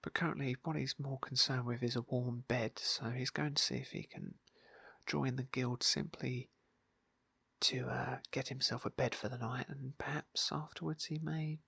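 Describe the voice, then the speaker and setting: A man hosts an ASMR roleplay playthrough of a fantasy game, speaking close to the mic in a very breathy, whispery mid-range voice with creaky fry and a bright, sharp edge. His delivery is soft, hesitant, flat and a little slow, full of polite, wordy asides, on a dry recording.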